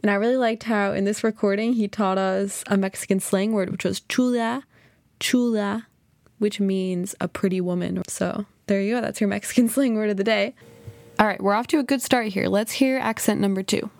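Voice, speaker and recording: A woman's voice: medium pitch, fairly even intonation, fairly quick, vocal fry, darkish tone, no room sound. Give me a young woman hosting a podcast, enthusiastic and chatty, recorded dry. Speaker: podcast host. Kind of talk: podcast explainer.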